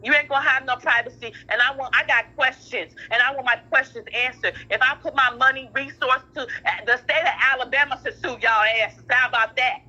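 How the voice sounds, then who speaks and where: Over muffled phone audio, a parent, a middle-aged woman with a high, sharp voice, talks a little fast with few pauses and fairly even intonation. The casual conversation is heated; she is blunt and emphatic, repeats herself, and swears.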